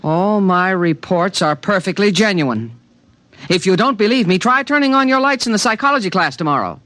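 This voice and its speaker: A 1950s radio drama features a man with a high, slightly bright voice as an alien creature that protects a human. His intonation is lively, his pace moderate, and his manner precise, matter-of-fact and earnest. The dry studio recording includes background music.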